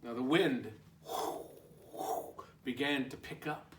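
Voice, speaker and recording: A preschool teacher reads a children's picture book at a slow pace, his mid-range voice a bit bright. As storytime host he's expressive and speaks little asides to his young audience. There's slight background noise, a roomy echo, and the mic sits some distance away.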